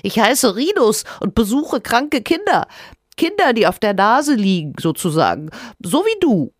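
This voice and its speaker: A tiny, giggly cold creature with a very high, squeaky voice, put on by a woman reading a storybook. He chirps along cheerfully and swings widely in pitch. The recording is close and dry. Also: very animated, unhurried, no echo.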